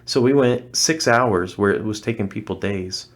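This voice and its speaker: At a normal speed and in a lower-register voice, a middle-aged man describes his past sincerely as a guest on an interview podcast. He used to be a missionary, and his casual, conversational storytelling includes frequent restarts.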